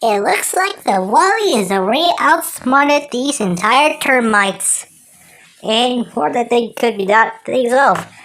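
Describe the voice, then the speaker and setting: An amateur performer voicing a cocky, excitable cartoon woodpecker who rambles and exclaims to himself. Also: mid-range voice, slow. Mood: pleased. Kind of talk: amateur cartoon character impression.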